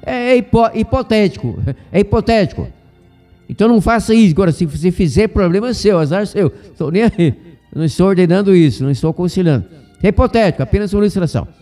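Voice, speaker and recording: A man's voice: high-pitched, expressive, quick pace, mellow, faint music behind. A man from Brazil with a Goiás accent, hosting a casual radio Bible program, rambling with joking asides and self-corrections. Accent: Goiás Brazilian Portuguese. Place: radio studio.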